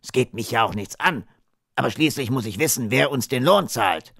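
A man's voice: medium pitch, animated, normal speed, vocal fry, fairly bright tone, no echo, studio quality. A man voicing a worldly, teasing cowboy in an audiobook reading. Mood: wary. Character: adult cowboy, teasing and wary.

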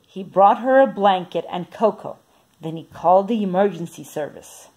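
Husky-voiced woman reading a picture book. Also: mid-range voice, normal speed, lo-fi sound. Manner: lively, expressive. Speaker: storyteller. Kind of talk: children's picture book read-aloud.

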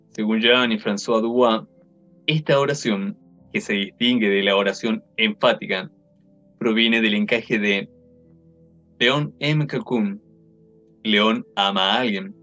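Young man, slow verbatim textbook reading, measured, dull lo-fi webcam sound, faint music behind. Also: medium pitch, fairly bright tone. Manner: slow, measured, reads foreign examples carefully. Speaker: reader of an academic text.

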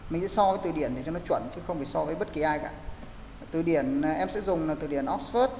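Male pronunciation teacher, a bit high, coaching patiently in a roomy echoey space with faint hiss. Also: fast talker, a little mellow. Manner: explanatory, coaching students step by step. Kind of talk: online class instruction.

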